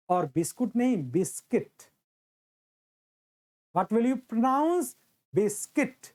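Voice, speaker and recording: A man teaching a grammar class as the teacher, drawing out example sentences slowly and calling his students his children. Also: high voice, a little mellow.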